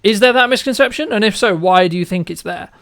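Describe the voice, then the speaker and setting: Talking fast in a high, slightly bright voice, a man who is both filmmaker and interviewer hosts a conversational business chat. He's emphatic, leans on rhetorical questions, and keeps checking for agreement.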